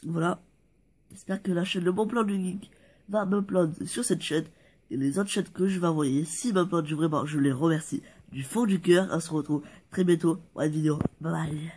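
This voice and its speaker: A man's voice: on the high side, normal speed, a little mellow, slightly rough. A man presenting a casual fact video, making joking asides and stumbling over numbers before correcting himself. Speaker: YouTuber presenting facts.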